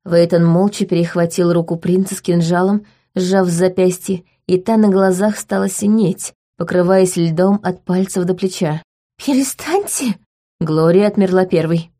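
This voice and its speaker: A woman reading a first-person story aloud in a steady, measured narration. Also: lowish voice. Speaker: audiobook narrator.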